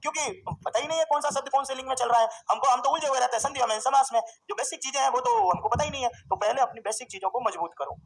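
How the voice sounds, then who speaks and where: A man teaching a Sanskrit grammar class, drilling students with questions and slowly repeating forms. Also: very high-pitched, poor audio. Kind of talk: classroom lecture.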